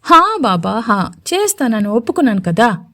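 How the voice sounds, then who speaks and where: A woman's voice: fairly high pitch, big pitch swings, moderate pace, bright, forceful tone, heavily acted. Woman doing a coy, shy young sweetheart. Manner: coy, whiny pleading.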